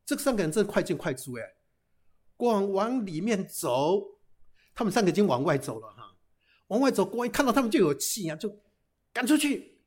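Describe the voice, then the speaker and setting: A man telling a folk tale aloud in a lively, chatty way, with frequent hesitations and restarts. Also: sits high, fairly quick. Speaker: storyteller.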